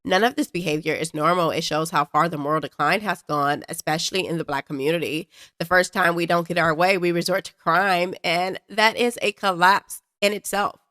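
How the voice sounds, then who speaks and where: A woman's voice: fairly low pitch, steady tone, a little fast, fairly bright tone, dry recording, studio quality. A woman hosting a commentary show, lecturing in a scornful tone. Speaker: commentary host. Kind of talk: political commentary.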